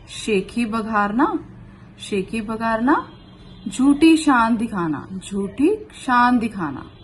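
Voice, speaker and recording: A woman is giving a lesson to a young primary class. She speaks slowly and patiently and repeats words so the children can follow. A faint noise sits behind her voice. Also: mid-range voice. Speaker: primary school teacher.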